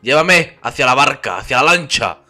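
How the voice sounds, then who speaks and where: A man's voice: medium pitch, animated, moderate pace, bright, forceful tone, soft background music. A man, chatting and laughing playfully during co-op gameplay as a gaming YouTuber. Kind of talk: casual co-op gameplay chat.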